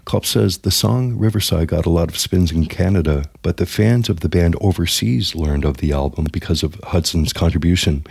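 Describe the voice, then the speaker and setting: A man narrating a scripted news feature as the reporter, in a measured, even way. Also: low-pitched, creaky, breathy edge, no echo, studio quality.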